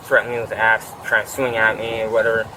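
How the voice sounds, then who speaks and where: A man questioned outdoors by a deputy, retelling a fight in a rambling, profane way and often clearing his throat, picked up by a body camera. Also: lowish voice, monotone, fast. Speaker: witness interviewed by deputy. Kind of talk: bodycam interview, agitated retelling. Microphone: officer's body camera. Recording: noisy outdoor bodycam audio.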